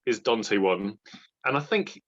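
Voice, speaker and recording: In unscripted book talk, this thirtysomething readalong co-host and book vlogger is jokey, eager and quick to poke fun at himself. He speaks in an unhurried, fairly low, animated voice with a slightly bright tone. The audio is dull.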